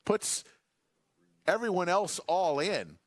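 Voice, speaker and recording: A man's voice: high-pitched, big pitch swings, slow, slight background noise. A man giving live play-by-play commentary on a poker game, steadily announcing bets and cards.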